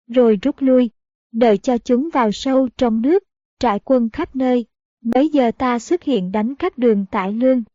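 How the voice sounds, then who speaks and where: A woman's voice: on the high side, no echo. Woman narrating a historical novel, muffled. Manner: steady reading, also of notes and citations. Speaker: audiobook narrator. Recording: dull lo-fi audiobook recording.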